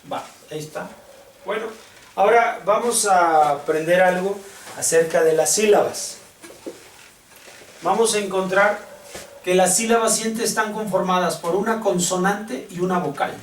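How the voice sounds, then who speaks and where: A male teacher explains step by step at an unhurried pace. His voice is heard from some distance in an echoey classroom with a faint hiss underneath. He keeps stopping to ask if his students follow. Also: high-pitched. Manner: slow, patient, checks understanding with questions. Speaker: Hebrew teacher. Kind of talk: classroom lesson.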